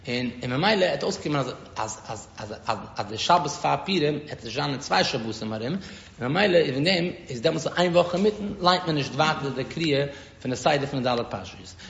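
A man with a Yiddish accent teaching a Talmud lesson as a rabbi, halting and often repeating words as he explains. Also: on the high side, animated, creaky. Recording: dull echoey room recording with faint noise.

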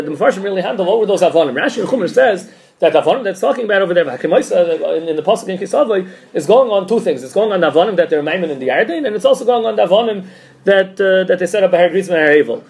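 A man's voice: high voice, creaky, darkish tone. A man giving an informal religious text class, thinking aloud and often repeating and restarting his phrases. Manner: halting, repeats and restarts phrases mid-thought. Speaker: teacher giving a Talmud class.

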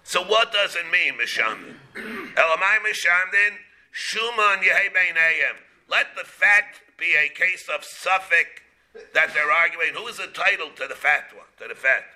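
A man with a very bright, forceful, somewhat high voice gives a Talmud lesson. He works through the text in short phrases, repeats them, and asks questions that he then answers himself. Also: normal speed. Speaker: rabbi teaching a class. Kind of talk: Talmud lesson, reading and explaining.

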